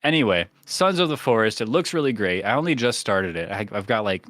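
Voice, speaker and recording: A man's voice: on the low side, expressive, a little fast, a bit bright, no room sound. A man, recorded dry. He co-hosts a podcast in casual banter, slangy and teasing. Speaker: podcast co-host.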